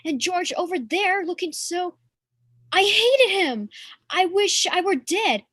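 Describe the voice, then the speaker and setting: Brief: young woman as anxious bride, very high voice, pleading, dry close sound. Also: expressive, takes it slowly, a bit bright, dry recording, heavily acted. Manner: pleading, emotional. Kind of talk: amateur play reading.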